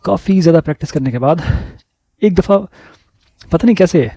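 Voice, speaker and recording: A man telling personal stories in a casual vlog, relaxed and repeating words for emphasis. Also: a little high, no room sound. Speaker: vlogger.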